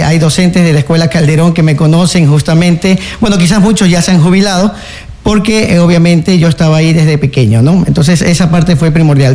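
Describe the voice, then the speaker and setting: A man's voice: a little high, a little mellow. A man, a guest on a radio interview, speaking earnestly with many fillers and restarts. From Ecuador. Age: 40s. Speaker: interview guest, local candidate and teacher.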